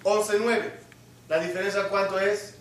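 A man's voice: high voice, level tone, unhurried, distant mic, slight background noise. A man giving a sermon as a rabbi, asking the listeners questions and acting out little scenes to make his point. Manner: asks the audience questions and acts out little scenes. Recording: echoey hall, mic from afar.

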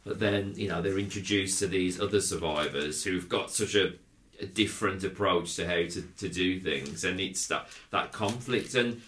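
Chatty low-voiced man, roomy sound. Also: normal speed, a little hiss or hum. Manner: rambling, animated, laughs often. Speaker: podcast co-host. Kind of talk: casual film review chat. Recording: roomy echo.

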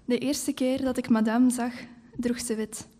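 A woman author on stage at a live event, reading her own literary story aloud in a measured way. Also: a little high, little pitch movement, mellow.

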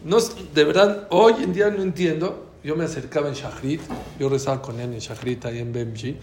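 Man, mexican accent, fairly high voice, animated storyteller, echoey room. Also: normal speed, slight background noise. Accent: Mexican Spanish. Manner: animated, acts out quoted dialogue. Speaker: speaker giving a talk. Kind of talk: storytelling talk.

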